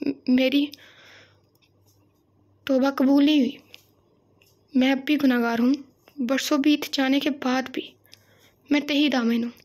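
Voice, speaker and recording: A woman voicing a grief-stricken, violent young man with a breathy, half-whispered delivery. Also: sits high, steady tone, slow pace, long pauses, a little mellow. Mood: sobbing pleading.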